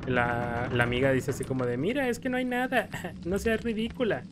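Game music plays behind a young Mexican-accented man commentating on gameplay at a normal speed, his fairly high voice steady in tone amid a noisy background. He chats casually, stammering and rambling, and acts out scared quotes in his stories.

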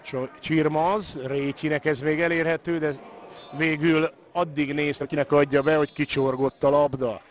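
A man provides live commentary on a football match. He names the players on the ball and adds analysis between moves. His voice is a little higher than most men's. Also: little pitch movement. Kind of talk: live sports commentary mixing play-by-play and analysis.

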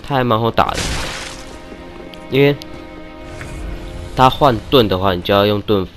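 Excitable man playing a game. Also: fairly low pitch, normal speed. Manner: excitable, shouts and groans at deaths, teasing banter with enemies. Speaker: gaming YouTuber. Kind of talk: casual let's-play commentary. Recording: game music playing behind.

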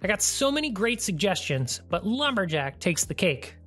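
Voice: mid-range voice, big pitch swings, moderate pace, a bit bright, slightly rough, faint music behind. A DIY channel host giving a plain, practical, step-by-step tutorial voice-over.

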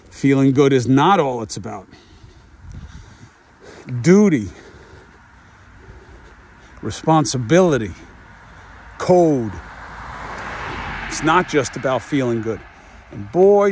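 A mid-range, darkish male voice belongs to a podcast host in his fifties. He is walking outdoors, thinking aloud in a reflective monologue full of musings and rhetorical questions.

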